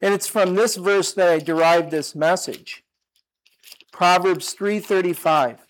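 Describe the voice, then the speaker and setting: Older guy preaching, chatty and easygoing, wanders into little asides. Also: high voice. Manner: conversational, unhurried, with asides and restarts. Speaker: pastor. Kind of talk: sermon.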